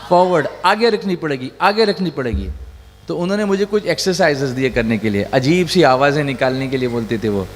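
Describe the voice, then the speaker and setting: High-voiced man teaching in an echoey hall. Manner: asks the audience questions and drills answers back. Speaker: Quran teacher. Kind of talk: religious lesson to children, mixing in English. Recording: echoey hall with faint hum.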